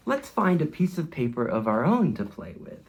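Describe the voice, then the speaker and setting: A man working as an educator runs an interactive children's read-along, guiding young listeners with simple phrases, questions, and movement prompts. His fairly high voice swings widely in pitch at normal speed.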